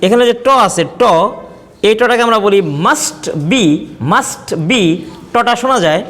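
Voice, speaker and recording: A man with a Bangladeshi accent teaching a spoken English lesson, slowly repeating example words to contrast how they are pronounced. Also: very high voice, fairly bright tone. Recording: long reverb.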